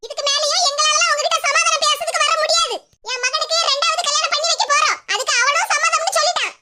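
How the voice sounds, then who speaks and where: A woman voicing an angry, sharp-tongued older mother-in-law in an animated cartoon, speaking with a Kanyakumari Tamil accent. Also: very high voice, fast talker, noisy background. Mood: angry, scolding. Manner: scolding, combative.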